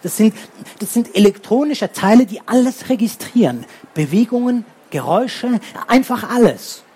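A bright-voiced know-it-all schoolboy, as a man acts him out, talking in a high, lively way and eagerly explaining everything. His voice sits high and has a slight husk to it, and he grows impatient when he isn't understood. This is a children's audiobook. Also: moderate pace, husky. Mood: lecturing. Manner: eager, lecturing.

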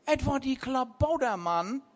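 A gruff old seafarer with a flask always at hand, talking in a thick, slurred coastal dialect, as a man puts him on. He sits well above the reader's own pitch and swings about loudly. He is superstitious and grimly amused. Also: animated, measured pace. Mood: gruff, slurring. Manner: slurred, dialect-tinged speech. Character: tipsy old male sea captain, gruff and superstitious.

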